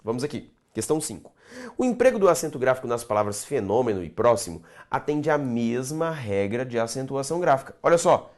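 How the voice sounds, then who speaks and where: A man's voice: medium pitch, big pitch swings, brisk, a little mellow. A man teaching a grammar lesson for exam prep, stretching out syllables and asking himself rhetorical questions.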